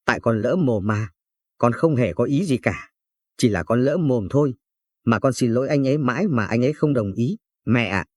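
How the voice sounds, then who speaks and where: A man's voice: mid-range voice, expressive, moderate pace, darkish tone, dry recording, studio quality, close to an everyday voice. A man voicing a young wife who keeps apologizing to her husband, in a pleading manner. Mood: apologetic.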